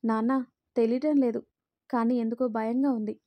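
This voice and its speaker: An anxious young husband in a storybook drama, as a woman narrator puts him on. He pleads in a frightened, grieving way. The voice is mellow and close. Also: a little high, fairly even intonation, moderate pace, no echo, lightly acted.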